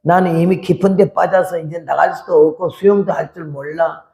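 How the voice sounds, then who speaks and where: Woman in her eighties, missionary preacher, testimony sermon, gravelly voice, animated storytelling. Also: on the low side, brisk. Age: 80s. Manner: lively storytelling, acting out family members' quoted speech.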